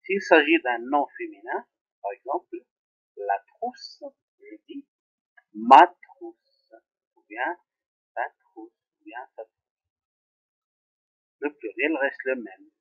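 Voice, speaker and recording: A man teaching French grammar to pupils, repeating each example slowly. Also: creaky, husky. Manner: slow, repeating examples, very lively pitch. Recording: tinny phone-like sound.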